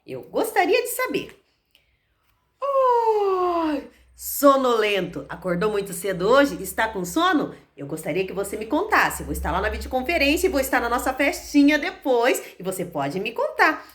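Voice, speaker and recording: A woman teacher leading an online class for young children, talking slowly and in an exaggerated sing-song way. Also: sits high, very animated.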